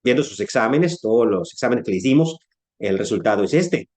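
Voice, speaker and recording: A man voicing a calm, matter-of-fact male doctor, speaking lower, quieter and measured. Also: close to an everyday voice.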